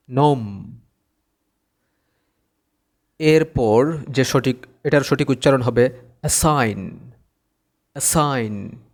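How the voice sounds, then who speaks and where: A man's voice: medium pitch, darkish tone. A man teaching English pronunciation, patiently repeating each word twice. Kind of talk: slow-paced pronunciation lesson.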